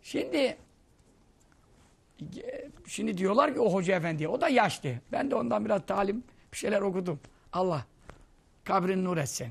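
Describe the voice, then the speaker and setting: A man with a high, gravelly voice gives a relaxed religious lesson in speech. He tells stories and mimics the people he quotes, jumping in pitch and loudness as he goes. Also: moderate pace, pauses often. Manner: storytelling, acting out quoted voices, lively swings in pitch and loudness. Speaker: Islamic preacher teaching hadith. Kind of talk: conversational religious lesson with anecdotes.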